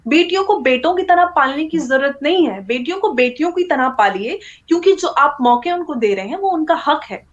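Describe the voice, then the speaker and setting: A woman's voice: high-pitched, lively intonation, fairly quick, few pauses, highs cut off. A woman from India, speaking as an interview guest in an earnest, explaining way. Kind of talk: casual interview talk.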